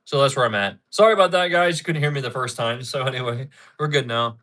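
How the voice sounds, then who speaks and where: Thirties male streamer, bright forward voice, loose rambling chat with viewers. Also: medium pitch, fast. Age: 30s. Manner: rambling, repeats himself, talks back to chat. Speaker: livestreamer. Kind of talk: casual live-stream chat.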